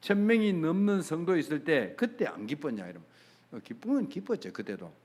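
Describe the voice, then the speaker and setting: A middle-aged man preaching a sermon in a Gyeongsang accent. His voice sits a little high and leaps around a lot. He swings from hushed to loud and acts out bits of dialogue. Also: sing-song, brisk, slightly rough. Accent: Gyeongsang Korean. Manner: emphatic, sways from soft to loud, acts out dialogue. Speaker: pastor.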